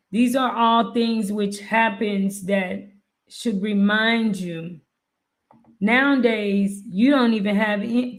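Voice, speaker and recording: A woman hosting a live stream, speaking earnestly and repeating her points for emphasis. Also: medium pitch. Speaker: livestream host.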